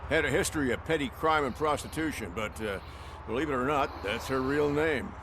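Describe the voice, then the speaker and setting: A man's voice: medium pitch, brisk, background noise, lightly acted. A man playing a world-weary, matter-of-fact police officer with a wry manner in a video game.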